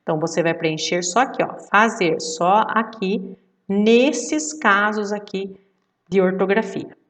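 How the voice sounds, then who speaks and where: A woman's voice: medium pitch, measured pace, a bit bright, far from the mic. A woman teacher giving a remote lesson to children, patient and explanatory, checking often that the class follows. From Brazil.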